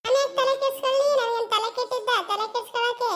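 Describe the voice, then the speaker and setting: A performer voicing a shrill quarrelsome village gossip. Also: fairly even intonation, very fast, fairly bright tone. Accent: Mysore Kannada. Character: loud quarrelsome village woman, touchy gossip.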